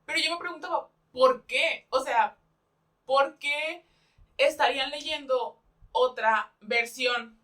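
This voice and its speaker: A woman's voice: high-pitched, takes it slowly, a bit bright, distant mic. A young woman with a Mexican accent in a casual book review chat, talking in a chatty way, often laughing and rephrasing herself.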